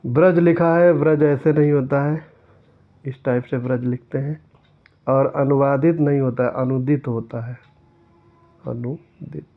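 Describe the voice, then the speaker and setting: A man's voice: mid-range voice, fairly even intonation, unhurried. Man teaching exam answers over tinny audio. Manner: reads each question aloud, then corrects it step by step. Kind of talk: exam-prep lesson explaining answers. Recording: tinny phone-like sound.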